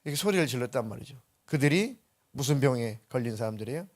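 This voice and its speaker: A man's voice: mid-range voice, lively intonation, racing, darkish tone. A male pastor preaching a Sunday sermon in a church, emphatic and full of rhetorical questions. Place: church sanctuary.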